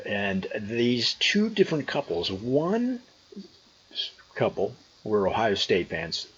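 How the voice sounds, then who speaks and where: An American man tells a story in a casual, amused vlog style. His pitch moves around in an animated way while his pace stays unhurried. The voice is a little husky, recorded outdoors. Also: lo-fi sound. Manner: amused, chuckling conversational storyteller. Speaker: vlogger. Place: outdoors on a trail.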